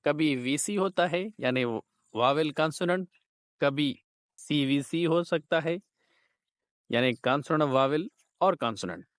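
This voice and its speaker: A man teaching linguistics in a slow, deliberate lecture, mixing Hindi and English. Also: a little high, no room sound. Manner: slow, deliberate explaining, words drawn out.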